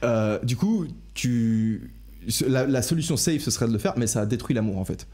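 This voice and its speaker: A young man hosting a laid-back podcast, talking through his points in loose, rambling sentences and correcting himself as he goes. His voice is dark and mellow, at an ordinary male pitch. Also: animated, normal speed. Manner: rambling, full of restarts and self-corrections. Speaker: podcast host. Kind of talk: casual podcast discussion.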